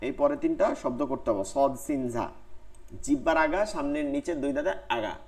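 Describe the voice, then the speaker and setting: A man's voice: a little high, animated, a little fast, a little mellow. A man teaching Quran recitation in an online class, drilling letter sounds syllable by syllable.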